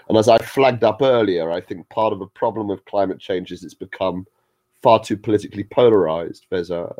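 Man, very deep voice, calm articulate delivery. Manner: measured, articulate. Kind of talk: measured commentary.

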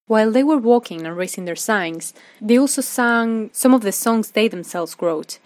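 A woman giving scripted documentary narration, telling the story in a lively way with rhetorical questions to the listener. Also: a little high, moderate pace, no room sound.

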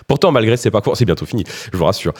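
A man hosting a podcast, reading a scripted introduction of his guests in a brisk manner, with self-mocking asides. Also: fairly low pitch, lively intonation, darkish tone. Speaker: podcast host. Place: studio or room around a table.

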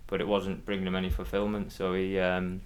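Manx guy in his 30s, mild isle of man accent, kinda low voice, hesitant podcast guest chatting away. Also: monotone, fairly quick, clean tone. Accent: fairly neutral Manx. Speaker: podcast guest, former athlete. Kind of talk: casual conversational interview.

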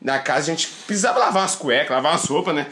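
A man's voice: a little high, lively intonation, rapid-fire, pushed and bright, slight background noise. A man around thirty, a guest telling laughing anecdotes and acting out both sides of the dialogue. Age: 30s.

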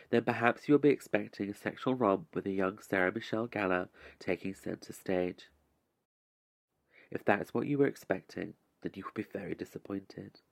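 A man with a lowish, creaky voice delivers a scripted podcast monologue. His delivery is measured and deliberate, with formal, slightly arch phrasing and dry wit. The recording is close and dry, with little room sound. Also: no echo. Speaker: podcast host.

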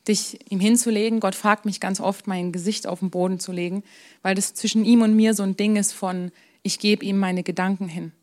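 A young adult woman preaching a church sermon, telling personal stories candidly with laughs and quiet asides. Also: mid-range voice, steady tone, brisk. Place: church service.

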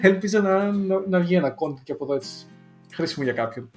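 A man from Greece with a Lamia accent, co-hosting a podcast in a relaxed, chatty way with many fillers and restarts. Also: high-pitched, faint music behind. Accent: Greek, from Lamia. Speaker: podcast co-host. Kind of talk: casual chat.

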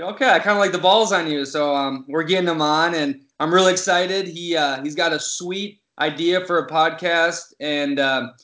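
An upbeat, chatty man hosting a podcast, with a voice a little higher than most men's. He leans on casual fillers as he talks. The sound is roomy and echoey, and the audio is dull and lo-fi. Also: fairly bright tone. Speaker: podcast host. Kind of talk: casual interview talk.

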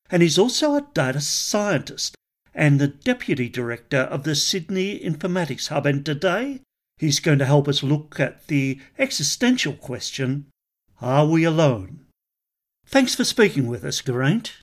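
Male host, formal, measured, slightly high pitch. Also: animated. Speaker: podcast host interviewer. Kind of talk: scripted interview questions.

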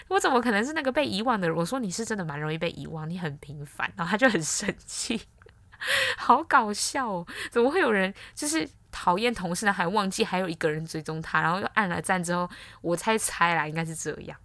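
A woman's voice: on the low side, a bit bright, no room sound. A young woman, hosting a casual solo podcast and telling stories in a blunt, candid way. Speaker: podcast host.

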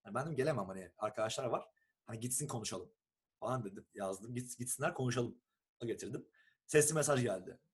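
A young man from Turkey, telling a long story in a casual, animated chat and acting out what people said. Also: medium pitch, quick pace, husky. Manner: animated storyteller who acts out quoted texts and swears casually.

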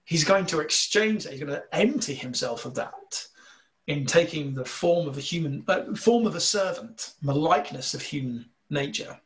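A man with a slight northern English accent, explaining scripture in a relaxed discussion, earnest and full of fillers. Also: on the high side, normal speed. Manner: earnest, explanatory, thinking aloud with many fillers. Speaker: bible teacher. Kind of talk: casual theological discussion.

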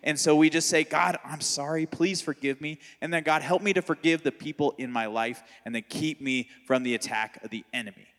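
A man in his thirties, a pastor on a question panel, explaining calmly in a soft-spoken way. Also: fairly high pitch, fairly quick, few pauses, long reverb tail. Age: 30s. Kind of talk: panel Q&A teaching.

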